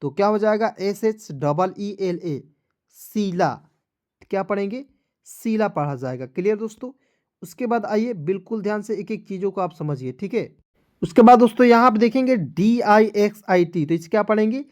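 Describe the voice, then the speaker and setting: A male teacher gives an online reading lesson. He sounds out each word letter by letter at a careful pace and often pauses to ask whether his viewers are following. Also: sits high, animated, darkish tone. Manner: spells out letters slowly, often checks if viewers understand.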